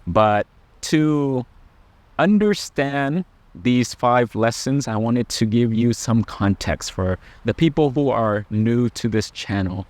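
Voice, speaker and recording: A middle-aged man, a Buddhist monk, speaking to camera in a gentle, earnest way. He talks very slowly, leaving pauses between thoughts, at an ordinary pitch for a man. The sound is dry and close, with no room echo. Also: animated. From Laos. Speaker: Buddhist monk sharing life lessons. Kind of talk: personal reflective talk to camera.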